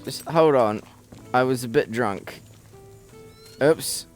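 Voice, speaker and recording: Slow rambling gameplay commentator, man. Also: medium pitch, faint music behind. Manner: rambling, jokey, often laughs. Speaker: gaming channel host.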